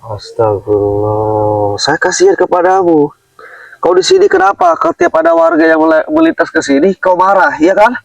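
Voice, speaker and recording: A fairly high-voiced man leads an exorcism, firing stern, insistent questions and breaking into frequent Islamic exclamations. The sound is close and dry. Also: big pitch swings, brisk, gravelly, no room sound, recorded from a distance, highs cut off. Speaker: exorcist, host. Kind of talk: exorcism session.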